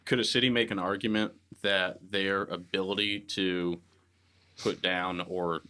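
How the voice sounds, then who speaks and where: Very deep, bright-toned man asking questions. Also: steady tone, unhurried, smooth. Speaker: panel guest. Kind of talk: casual panel discussion.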